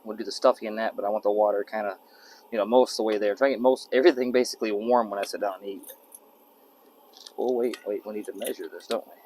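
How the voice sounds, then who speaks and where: A man's voice: fairly low pitch, fairly even intonation, fast, a little mellow, slight background noise, poor audio. A man vlogging from an outdoor campsite, rambling casually to camera and his dog as he cooks. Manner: rambling, talks to his dog and jokes to himself. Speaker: camping vlogger. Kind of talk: casual talk to camera while cooking.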